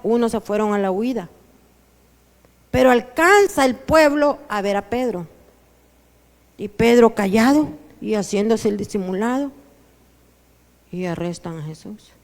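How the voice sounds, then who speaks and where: A woman pastor with a Honduran Spanish accent, preaching a sermon that swings between soft asides and loud declarations. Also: fairly high pitch. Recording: church hall with long reverb.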